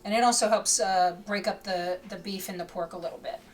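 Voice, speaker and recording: In her home kitchen, a middle-aged woman hosts a casual cooking demonstration, chatting through each step with lots of fillers. Her mid-range voice moves fairly quickly, and the audio is poor, with slight background noise.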